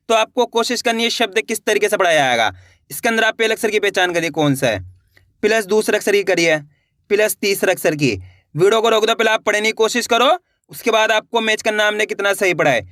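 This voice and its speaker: A man with a high-pitched, sharp voice teaches an online reading lesson, patiently repeating each word and sounding it out syllable by syllable. He speaks directly to his viewers with encouragement, and the recording is studio quality without echo.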